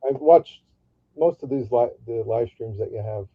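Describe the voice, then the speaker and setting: A man's voice: mid-range voice, normal speed, slightly rough, no room sound. A man chatting on a video call, his voice muffled and dull as if heard through a wall. The sound is close and dry, with no room around it. He speaks hesitantly, in short, unsure replies. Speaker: guest on a collectors' live stream. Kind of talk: casual video call chat. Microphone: built-in webcam microphone.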